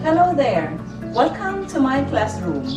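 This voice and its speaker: Over loud music, a high-pitched Filipino-accented woman leads an online radio school class. She speaks to her students in a very animated yet deliberate, teaching manner, putting questions to them as she goes.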